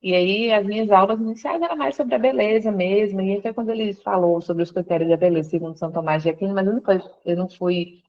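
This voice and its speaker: A woman's voice: mid-range voice, fast talker, few pauses, lo-fi sound. A woman, a guest on a call from her workplace, telling her conversion story and acting out what others said. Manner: storytelling, quoting others with lively voice shifts. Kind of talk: conversion testimony interview.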